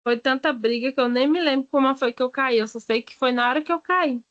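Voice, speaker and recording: A woman's voice: high-pitched, a little fast, a bit bright, no room sound, highs cut off. Hesitant Brazilian woman testifying in court. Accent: Brazilian Portuguese. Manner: hesitant, vague answers. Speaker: witness.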